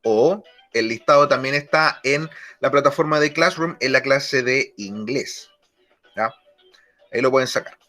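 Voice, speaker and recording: A male teacher explaining grammar rules slowly in a lesson, often repeating key words. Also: medium pitch, sharp tone, soft background music. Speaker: English teacher.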